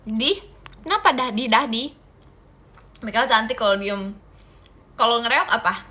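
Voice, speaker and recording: Bright, teasing young woman on a livestream. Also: on the high side, lively intonation, unhurried. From Indonesia. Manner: playful and teasing, giggly. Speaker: idol livestream host. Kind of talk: casual livestream chat answering viewer comments.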